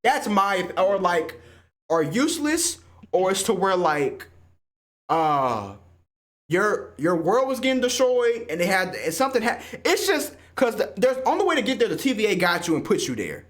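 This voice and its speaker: A man hosting a casual spoiler review of a film, excitable and slangy, swearing freely and often laughing. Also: high voice, moderate pace. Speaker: movie reviewer and host.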